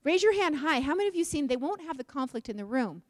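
High-voiced woman giving a lively conference talk. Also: quick pace, dry recording, clean studio sound. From Utah. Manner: lively, questions the audience, jokes. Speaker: conference speaker.

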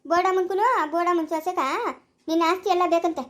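Woman playing a quarrelsome village woman, scolding, sharp-tongued, very high, rapid. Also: little pitch movement. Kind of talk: rural family drama acting.

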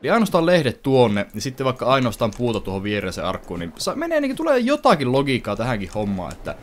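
A young man hosting a casual let's-play, chatting to viewers as he plays and breaking into excited outbursts. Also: mid-range voice, slight background noise. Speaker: gaming channel host.

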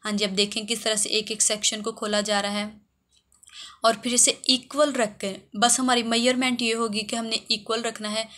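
A woman hairdresser narrates a how-to tutorial at a moderate pace, her fairly high voice sharp in tone and flat in delivery. The instructional voice-over proceeds step by step, and she often says things again.

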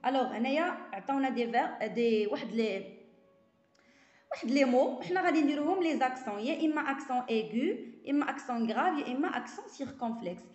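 A woman with a Moroccan accent teaching an online school lesson, reading French phrases slowly and carefully, then explaining them in dialect. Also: high voice, expressive, darkish tone. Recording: echoey, dull lo-fi sound.

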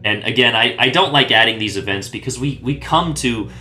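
A man's voice: mid-range voice, animated, a little fast, bright, forceful tone, soft background music. A man talking casually as a gaming YouTuber, rambling and often restarting or correcting himself mid-sentence. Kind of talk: casual commentary.

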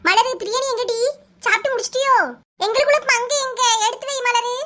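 A woman's voice: very high voice, steady tone, brisk, sharp tone. A woman with a Kanyakumari Tamil accent voicing bossy, food-loving village aunties in a cartoon, scolding and teasing. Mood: demanding. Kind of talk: cartoon voice acting.

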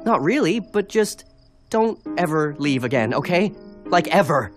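A woman's voice: sits low, lively intonation, over music. A woman voicing an anxious, sarcastic teenage boy in a cartoon. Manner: quick, nervous and sarcastic.

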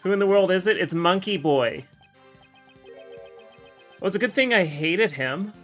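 A man with a slightly high voice streams a video game and talks over it in a casual, fed-up way. He swears nonstop and vents his frustration at the game. Faint game music plays behind him. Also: animated, measured pace, a bit bright. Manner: frustrated, swears constantly, venting. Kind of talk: casual let's-play commentary.

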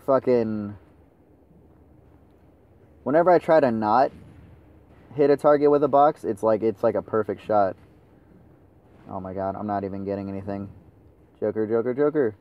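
A man's voice: on the low side, muffled recording. A young man commenting over his own gameplay, swearing and ranting at his teammates. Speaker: gaming channel host.

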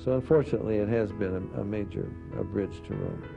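A man's voice: lowish voice, fast, creaky. A man giving an assertive, warning teaching talk on a dull lo-fi recording with music.

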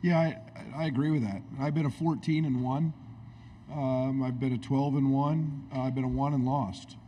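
A middle-aged man, a head basketball coach, answering questions at a postgame press conference in a halting, reflective way, speaking into a table microphone indoors. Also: medium pitch, steady tone, mellow, slight background noise. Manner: halting, reflective, many restarts. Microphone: table microphone on stand.

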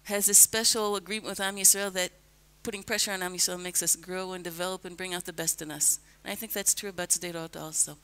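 An older woman from the US, a resident appearing as a guest, takes questions on a radio interview through a headset mic in a broadcast booth. Her delivery is calm, earnest and measured, in a voice on the low side.

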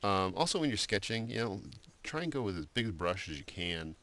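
A man giving a screen-recorded software drawing tutorial, talking loosely with many fillers and restarts. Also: lowish voice, sing-song, brisk. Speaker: art instructor.

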